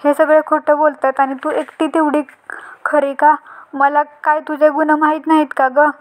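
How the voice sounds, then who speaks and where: An angry father who scolds his daughter, read out by a woman. The voice is high-pitched and monotone. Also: moderate pace, close to an everyday voice.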